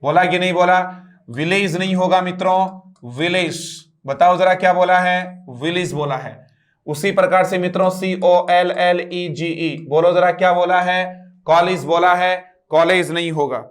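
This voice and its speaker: Unhurried and steady, a high-voiced man lectures in an online English class. Words get spelled one letter at a time and repeated, students are asked to echo them, and rhetorical questions quiz the audience.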